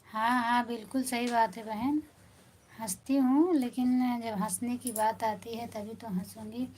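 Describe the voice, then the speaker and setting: A woman with an Awadhi accent hosts a casual live stream from home, speaking into her phone. Her voice sits a little high and stays flat and even. She talks at an unhurried pace, reads out viewers' comments and keeps repeating friendly greetings. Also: a little hiss or hum. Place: at home indoors.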